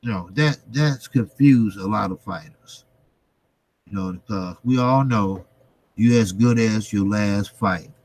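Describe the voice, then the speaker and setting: Slight background noise sits under the host's lowish, somewhat mellow voice. He runs casual boxing commentary for live viewers, slangy and informal with the odd curse, repeating himself for emphasis and trailing off in pauses.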